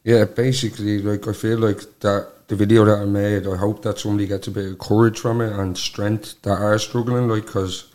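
A man in his twenties with a Dublin accent speaks in a low voice that stays very flat. He talks colloquially as an interview guest, peppering his speech with little tag phrases. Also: a little fast, few pauses. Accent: Dublin Irish. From Dublin, Ireland. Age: 20s. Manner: colloquial, peppered with "like" and "you know what I mean". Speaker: podcast guest. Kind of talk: casual personal interview.

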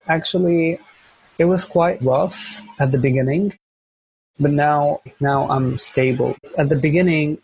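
This interview guest, a volunteer teacher from Syria, is a young man whose English carries a Syrian Arabic accent. His slightly high voice is a little mellow and slightly rough, with fairly even intonation and a somewhat slow pace, captured in a dry, low-quality recording. He speaks earnestly and conversationally, repeating phrases while searching for words.

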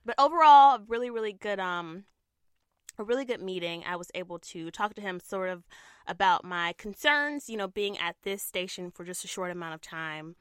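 A woman's voice: medium pitch, moderate pace, clean tone, dry recording, studio quality. A young woman co-hosting a casual podcast, with a throaty, nasal voice, chatting and laughing often. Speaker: podcast co-host and TV news reporter.

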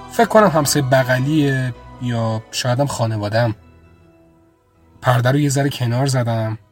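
A man narrating a first-person audio story in a calm, reflective way. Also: medium pitch.

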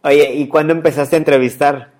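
A man hosts a casual interview and prompts his guest in a joking, encouraging way. His voice sits a little high for a man. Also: steady tone, fairly quick, a little mellow.

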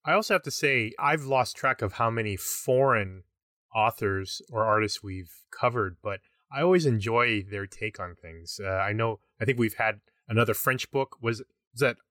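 Man, podcast co-host, reflective, hesitant, bright tone, dry sound, a little off-mic. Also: mid-range voice, normal speed, dry recording, recorded from a distance. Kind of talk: casual book club chat.

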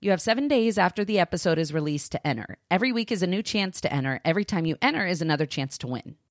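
Woman, lower-pitched, candid, self-deprecating, casual podcast co-host, dry recording. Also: animated, rapid-fire, dry recording. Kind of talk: casual podcast chat with scripted announcements.

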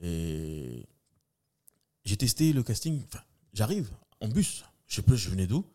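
A man's voice: very animated, measured pace, mellow. A man, a comedian and entertainer telling stories from his career as a guest, slipping into other people's voices as he goes. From New Caledonia. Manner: acts out voices in his anecdotes, swinging pitch widely. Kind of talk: animated storytelling.

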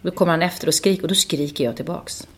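A woman in her thirties and a mother, telling candid, animated stories in a casual podcast chat. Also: fairly low pitch, breathy edge. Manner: candid, animated storytelling with swearing. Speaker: podcast co-host.

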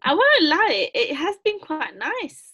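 A woman from northern England chats on a podcast in a high, bright voice. Her pitch leaps all over as she tells stories and plays out the scenes. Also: slow pace. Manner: animated storyteller, acts out scenes. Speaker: podcast co-host. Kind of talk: casual chat.

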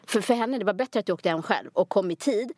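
A woman co-hosting a podcast, her voice sitting in an ordinary middle pitch. She talks in an easygoing way and chimes in with short replies. The recording is close and dry. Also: dry recording. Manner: relaxed, chiming in with short replies. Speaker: podcast co-host. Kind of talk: casual chat.

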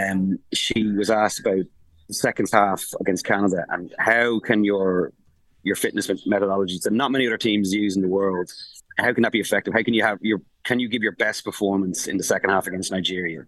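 A man, a sports journalist calling in from abroad who gives rapid, animated football analysis full of restarts and fillers. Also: low voice, no echo, poor audio. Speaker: sports journalist reporting from the tournament. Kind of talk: casual podcast analysis. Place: remote link from abroad.

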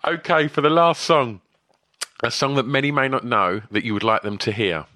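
A man's voice: medium pitch, moderate pace, bright, forceful tone, no echo, studio quality. A man hosting an interview in a casual, conversational way with informal phrasing. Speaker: interviewer, host.

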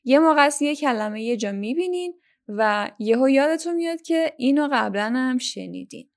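A young Iranian woman hosting a language-learning podcast, talking listeners through tips in a clear, instructive way. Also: sits high, lively intonation. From Iran. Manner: instructive, addresses listeners directly. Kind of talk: scripted podcast lesson.

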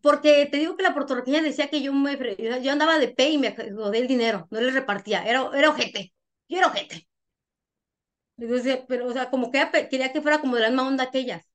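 A Mexican woman with a Mexican accent, a guest telling her life story in an interview, animated and frank, acting out what others said. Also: sits high, fast. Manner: animated storyteller who acts out other people's lines; frank, uses crude slang.

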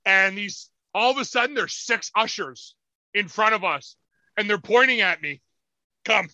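A young man with a very sharp, bright tone tells a story in casual, profane chat. He talks over a video call, and the sound is dry and close with no room echo. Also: sits high, moderate pace. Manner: animated, profane, acts out quotes in loud voices. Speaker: podcast co-host.

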